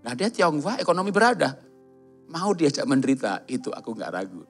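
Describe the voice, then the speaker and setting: Middle-aged man, pastor, sermon, animated storytelling, faint music behind. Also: fairly high pitch, a little fast, slightly rough. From Java. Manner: storytelling with jokes and lively quoted voices. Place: large church hall.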